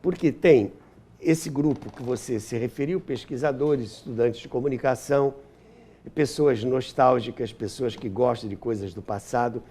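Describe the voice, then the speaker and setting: With a warm, mid-range voice and moderate pace, an older man with a Brazilian accent shares memories as an interview guest. He is a historian and author, and he occasionally pauses to find his words.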